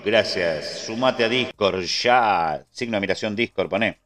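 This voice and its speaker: A man with an Argentine Spanish accent hosts a casual live trading stream, chatting loosely, answering his viewers and thanking subscribers. His voice is lowish, a little slow and a bit bright.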